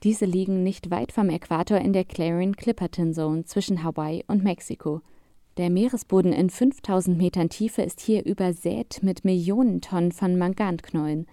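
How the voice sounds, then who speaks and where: A woman's voice: fairly low pitch, normal speed, mellow, no echo, clean studio sound. A woman reading scripted narration for a science report in the manner of a nature documentary.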